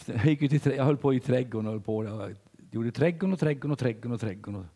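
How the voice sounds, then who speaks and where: An older man preaching a sermon in church, telling stories with big swings between loud and hushed delivery. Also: mid-range voice, gravelly, long reverb tail.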